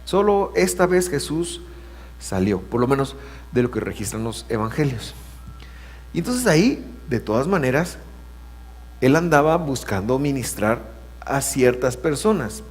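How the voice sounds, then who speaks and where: A male pastor preaching a sermon, moving between quiet asides and loud, emphatic passages. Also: medium pitch, sing-song, a little slow, big-room sound.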